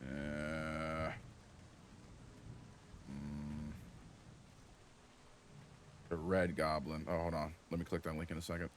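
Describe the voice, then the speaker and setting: A man streaming a video game, talking casually in a profane, excitable, exasperated way. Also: rumbling low, slow pace, long pauses, slight background noise. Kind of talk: casual gaming commentary.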